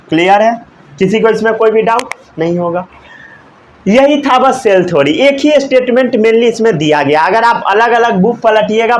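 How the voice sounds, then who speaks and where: A young male teacher with a high, sing-song voice that swings up and down as he quizzes his class and repeats every answer. He slows right down to dictate key sentences word by word. A faint hiss of noise sits behind the recording. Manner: asks students questions, repeats answers, mixes English terms. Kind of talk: classroom lecture.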